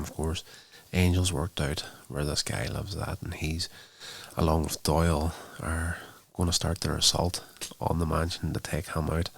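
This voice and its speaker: Low gravelly man recapping a show. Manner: loose, rambling retelling full of "uh" fillers. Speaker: show host reviewing a TV episode. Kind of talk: casual spoken recap.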